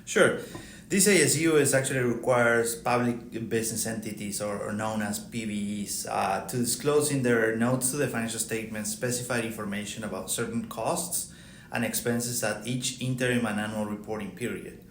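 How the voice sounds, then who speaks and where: Speaking at a normal pace in a fairly low voice, this podcast guest is a middle-aged accounting firm partner with an Argentine accent. He delivers a prepared technical explanation formally and methodically, and the recording has a roomy echo with faint noise behind it.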